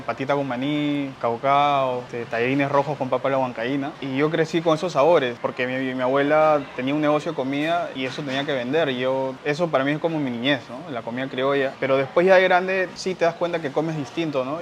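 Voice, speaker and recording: A young man with a Peruvian Spanish accent, chatting casually in an interview, relaxed and rambling, with slang and repeated words. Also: mid-range voice, lo-fi sound, a little hiss or hum. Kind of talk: casual chat.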